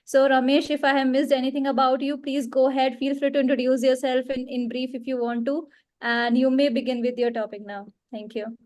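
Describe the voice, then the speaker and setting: A woman hosting a webinar over a video call, halting and using many fillers. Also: high-pitched, flat delivery, a little mellow. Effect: heard over a video call. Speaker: host.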